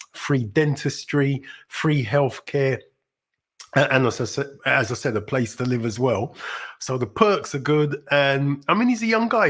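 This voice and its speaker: A man's voice: a little high, a bit bright. A middle-aged man from South London with a London accent, hosting a casual livestream in a chatty, rambling way with sudden upbeat exclamations. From South London, England. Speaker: livestream host.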